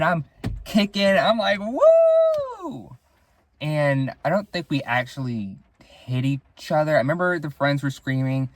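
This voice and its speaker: A man's voice: mid-range voice, dry recording. Laid-back young man telling stories solo. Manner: laid-back, laughs often, swears casually, acts out quoted voices. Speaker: podcast host. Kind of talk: casual solo storytelling.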